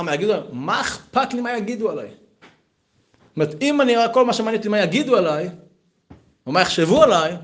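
A man in his thirties teaching a Torah lesson in a conversational, animated way, mixing text study with personal stories. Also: fairly high pitch. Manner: animated, conversational, lively asides. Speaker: yeshiva teacher.

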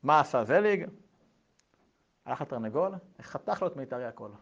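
A man preaching a sermon, telling a story in a lively way with colloquial asides. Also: medium pitch, gravelly, lo-fi sound.

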